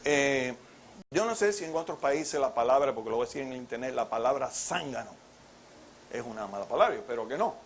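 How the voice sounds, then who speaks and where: A man's voice: medium pitch, lively intonation, a little fast, slight background noise. A man preaching a sermon with rhetorical questions, acting out biblical dialogue as he goes.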